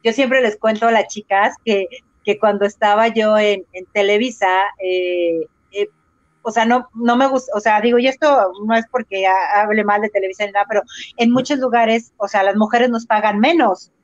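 A Mexican woman tells her story in an animated way, acting out her own reactions as she goes. The sound is dry and a little dull, like a live video call. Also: medium pitch, moderate pace, dry recording. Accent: Mexican Spanish. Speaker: interview guest, runner and entrepreneur. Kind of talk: casual interview over a live video call. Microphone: video call microphone.

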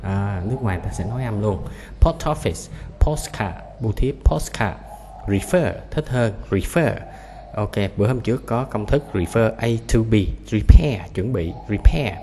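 Male English teacher, lowish voice, drills vocabulary slowly, echoey room with faint hiss. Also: expressive, warm tone. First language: Vietnamese. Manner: repeats each English word slowly and clearly, explains sounds. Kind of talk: vocabulary lesson, word by word.

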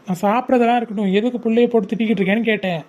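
A gentle, indulgent father in a home drama, played by a woman, talking quickly in a coaxing tone. The sound is dull and lo-fi. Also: on the high side, steady tone, natural voice.

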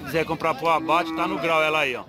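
A man's voice: fairly high pitch, steady tone, fast talker. A man filming his casual walk through a cattle fair, chatting with sellers and repeating their prices for the camera. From Northeast Brazil. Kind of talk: casual on-the-spot video commentary. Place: outdoor cattle market with crowd. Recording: crowd noise outdoors.

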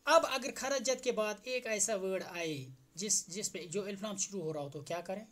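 An Indian man teaches Arabic grammar in Hindi-Urdu, saying Arabic phrases slowly and repeating them before he translates. He often puts a question to the class before answering it himself, in a high-pitched, fairly bright voice.

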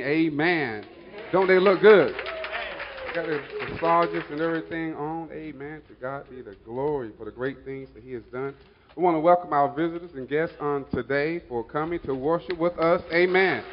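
A man preaching as pastor in a church, calling for amens after nearly every phrase and building into a fervent prayer. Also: a little high. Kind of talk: sermon and prayer with call-and-response. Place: church sanctuary with congregation. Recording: dull lo-fi livestream audio.

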